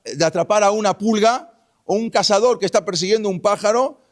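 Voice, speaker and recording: A man voicing a bold, righteous young male leader who calls out loudly and accusingly. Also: high voice, a little fast, pitched above the performer's own voice, close to an everyday voice. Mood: pleading. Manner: loud, raised, accusing calls.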